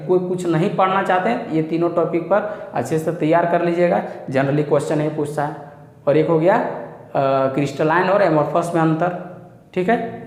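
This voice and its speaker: A man teaching a chemistry exam syllabus lesson, saying "ठीक है" after each point and reading English topic titles out slowly. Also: high-pitched, reverberant, in a large hall.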